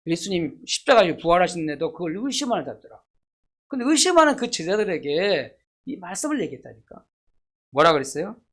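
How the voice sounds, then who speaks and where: A pastor preaching a sermon, asking the congregation rhetorical questions, reading scripture slowly and swinging between loud emphasis and soft, low asides. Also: sing-song. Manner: reads scripture quotations slowly.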